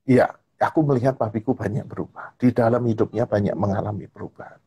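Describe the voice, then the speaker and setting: Male guest, husky voice, animated storyteller on a live-stream chat. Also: lowish voice, fast. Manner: animated storytelling, repeats "gitu kan ya". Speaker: guest speaker. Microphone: live-stream call. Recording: online live-stream audio.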